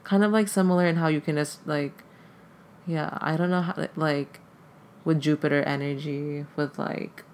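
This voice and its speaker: Speaking at a normal speed in a medium pitch with fairly even intonation, this Tagalog-native podcast guest talks casually and haltingly, leaning on "like" in almost every phrase. There's a slight hiss or hum in the background.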